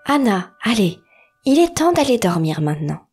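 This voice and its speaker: Woman as a loving mother, bedtime, soft, coaxing, children's audio story. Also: fairly high pitch, sing-song, moderate pace, breathy edge, faint music behind. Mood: tender. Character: tender mother putting her little daughter to bed.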